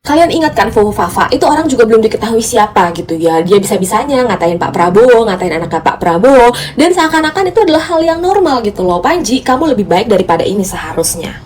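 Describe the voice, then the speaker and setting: A woman's voice: fairly high pitch, very animated, fast talker, a little mellow, a little hiss or hum. A woman speaking in a casual vlog monologue, slangy and mock-indignant. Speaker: vlogger.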